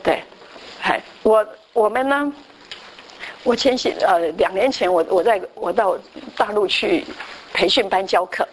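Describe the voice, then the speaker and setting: A woman's voice: mid-range voice, unhurried, slight background noise. A woman preacher delivering a conversational sermon that tells a story, with frequent restarts and tag questions.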